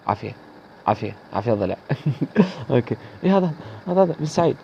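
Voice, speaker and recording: A man's voice: mid-range voice, big pitch swings, fast talker, vocal fry, dark tone, muffled recording, slight background noise. A man with an Iraqi accent commenting live on his gameplay, teasing opponents and chatting to viewers. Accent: Iraqi Arabic. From Iraq. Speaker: gaming video host.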